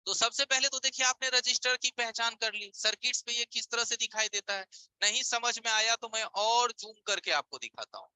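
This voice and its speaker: A man's voice: very high-pitched, fairly quick, pushed and bright, clean tone, no room sound, rough recording. A man teaching a live online repair class, explaining with everyday examples and rhetorical check-in questions over a screen share. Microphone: voice-over on a screen-share stream.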